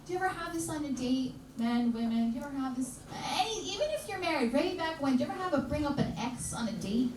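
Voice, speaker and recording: A woman's voice: high voice, animated, quick pace, hardly any pauses, noisy background. A woman doing stand-up comedy in a live club, brash and chatty, teasing the audience. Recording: echoey club, heard from far off. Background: audience laughter.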